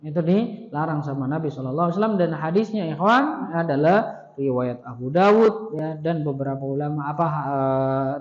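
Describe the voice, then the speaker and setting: A middle-aged man giving a religious study lecture, talking conversationally and putting questions to his audience. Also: on the high side. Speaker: Islamic teacher. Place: mosque hall. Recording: reverberant mosque hall, dull sound.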